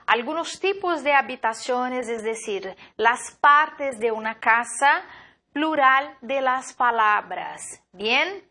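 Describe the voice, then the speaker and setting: Slow, bright-voiced woman teaching a class. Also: a little high. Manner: slow, careful model pronunciations of words; checks in with tag questions to students. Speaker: language teacher. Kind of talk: recorded online class.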